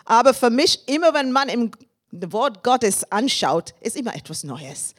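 A woman in her fifties from England, with an English accent on her second language, preaching as a guest and sharing personal testimony with laughs and shouts of praise. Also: a little high, very animated, a little slow. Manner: warm and thankful, with frequent laughs and praise shouts.

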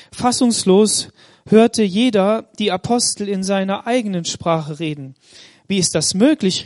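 A man preaching a sermon in Munich, reading Bible passages aloud and slowing down for emphasis. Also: sits high, a little mellow, dry recording, studio quality. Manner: reads scripture aloud, slows for emphasis; addresses the congregation directly. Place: church in Munich.

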